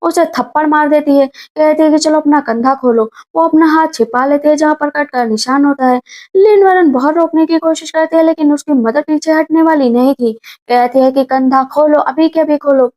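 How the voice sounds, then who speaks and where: A woman narrating a movie recap as a story, briskly retelling scenes and speaking the characters' lines herself. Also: high-pitched, a little mellow.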